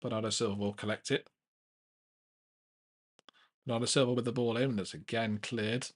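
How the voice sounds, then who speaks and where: A young man hosting a live football watchalong, giving casual play-by-play with frequent restarts and getting excited at big chances. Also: medium pitch, normal speed. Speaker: watchalong host.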